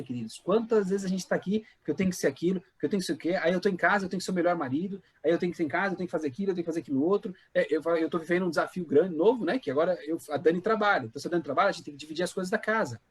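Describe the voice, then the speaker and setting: A man's voice: sits high, breathy edge. A man from Brazil, a pastor teaching an informal church Bible class in a conversational way, repeating words and asking the class questions.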